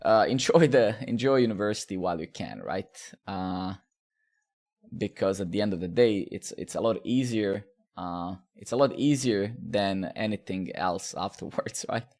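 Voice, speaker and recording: A Serbian man in his thirties chats casually with viewers while live coding, rambling with fillers, swearing and tossing in "right?". His lowish, slightly mellow voice moves at a moderate pace.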